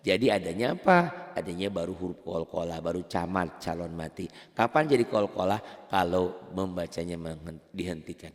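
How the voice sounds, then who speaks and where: A man teaching Quran reading rules, animated, asking questions and answering them himself. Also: deep voice, normal speed, long reverb tail. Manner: animated, asks and answers his own questions. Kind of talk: tajwid lesson.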